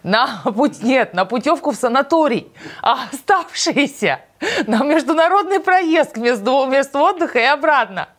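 A woman's voice: high-pitched, lively intonation, moderate pace. A woman talking casually and unscripted, amused and stifling giggles.

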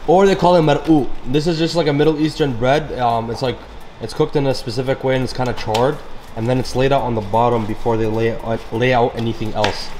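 With a steady, slightly mellow mid-range voice, fairly quick, this young cooking vlogger talks casually through a session in his spacious home kitchen. He's upbeat and gushes about the food, and there's slight background noise.

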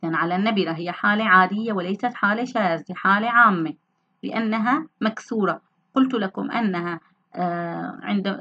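A woman teaches a grammar lesson, posing questions to her class and answering them herself. Her voice is bright and forward, and the recording sounds slightly dull and lo-fi. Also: mid-range voice, husky. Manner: explanatory, asks and answers her own questions.

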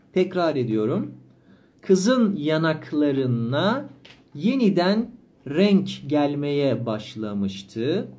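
A male language teacher reading a story aloud, pausing to repeat and explain words slowly. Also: on the high side, dark tone. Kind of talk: slow explanatory reading lesson.

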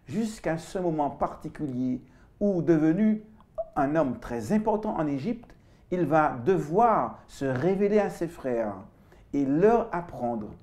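A woman presenting a Bible study, recounting a scripture story in a measured way. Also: on the low side, warm tone.

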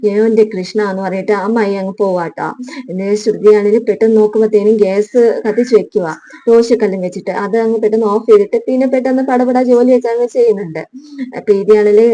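A woman rattles through a TV serial episode at a fast clip, chatty and casual. She keeps adding little tag words to her lines. Her voice is very dark and mellow. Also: mid-range voice. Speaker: serial review narrator.

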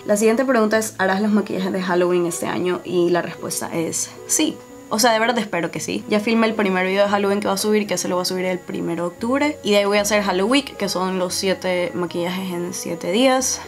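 A woman's voice: medium pitch, fairly quick, soft background music. A young woman in her twenties with a Guayaquil Spanish accent, chatting casually and laughing while she answers viewer questions and does her makeup in front of a camera. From Ecuador. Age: 20s. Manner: chatty, laughs often, filler-heavy. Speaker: beauty YouTuber. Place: small indoor room before a dark backdrop. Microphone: camera on tripod at head-and-shoulders framing.

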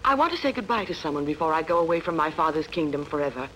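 A woman's voice: sits low, very animated, racing, a bit bright, low-quality recording. A performer playing a wistful, dutiful young princess in a dubbed ancient epic, speaking formally and tenderly as a woman in love. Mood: expectant. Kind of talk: dubbed sword-and-sandal film acting. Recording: film dub with faint background noise.

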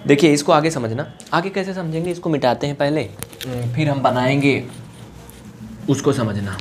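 A man's voice: on the high side, moderate pace, slight background noise. A man teaching a basic math lesson at a board, often asking the class a question and then answering it himself. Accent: Hindi-speaking Uttar Pradesh.

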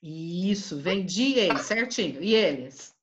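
A middle-aged woman teaching Portuguese in an online class, drilling verb conjugations, calling on students by name and praising them briskly. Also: on the low side, lively intonation. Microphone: video call. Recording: dull, lo-fi video call audio.

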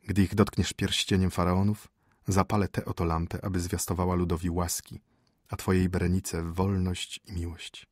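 A solemn old high priest, calm and formal, speaking low and hushed with a ceremonious cadence, as a male narrator puts him on. The voice is deep and husky, and it sits close and dry. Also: normal speed, no echo. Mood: reassuring.

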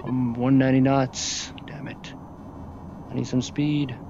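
A man's voice: medium pitch, measured pace. A man giving live commentary while flying a jet in a VR flight game, tense and swearing under pressure. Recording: muffled lo-fi with steady noise.

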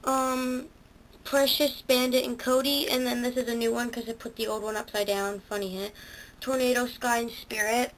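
Speaking at a moderate pace with a flat delivery, this teenage girl, who makes toy horse barn videos, walks viewers through her homemade model stable indoors. Her voice sits on the high side, and she stumbles along with ums and self-corrections. A handheld camera held near the toys captures it in low quality.

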